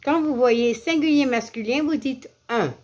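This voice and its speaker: A woman teaching French vocabulary as a lesson, repeating each word deliberately and giving English glosses. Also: high voice, darkish tone. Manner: slow, deliberate repetition of words for learners. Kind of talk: classroom lesson.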